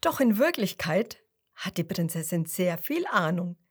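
A woman's voice: on the low side, big pitch swings, measured pace, slightly rough. A woman narrating a children's story and speaking directly to the child listening.

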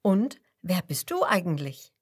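A woman's voice: lowish voice, big pitch swings, unhurried, husky, full character voice. A woman voicing a cheerful young male frog from France who chats proudly about his home. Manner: friendly, chatty, proud of home.

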